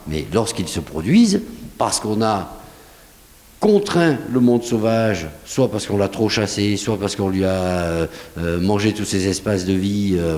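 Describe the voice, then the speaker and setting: A man with a southwestern French accent answering audience questions at a public lecture, lively and conversational, using rhetorical questions. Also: lowish voice. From southwest France. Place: lecture hall. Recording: long hall reverb.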